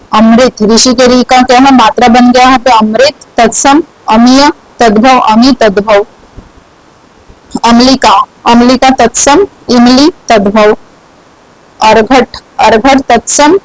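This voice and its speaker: A woman's voice: a little high, no room sound, poor audio. A woman teaching a grammar lesson, repeating each word and asking and answering her own questions as she explains.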